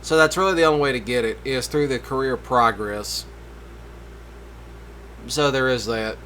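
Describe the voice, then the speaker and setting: A man's voice: mid-range voice, normal speed, pushed and bright. Sleepy guy rambling over game footage, mid voice, faint hiss behind. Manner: rambling, laid-back, yawning. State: tired late at night. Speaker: gaming video host. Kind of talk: casual voice-over commentary.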